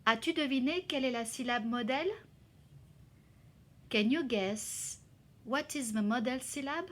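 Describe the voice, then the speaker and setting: A woman teacher explaining a reading exercise to children slowly and carefully, sounding out syllables. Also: high-pitched. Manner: slow, careful, spelling out syllables. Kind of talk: slow classroom explanation in two languages.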